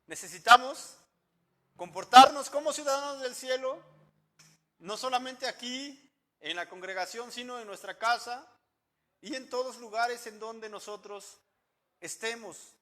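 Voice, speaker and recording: A man preaches a sermon in a very high voice. His tone is bright and ringing. He keeps putting questions to the congregation and answers them himself, swinging from loud to soft. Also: unhurried, pauses often. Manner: shifts loudness a lot. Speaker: pastor.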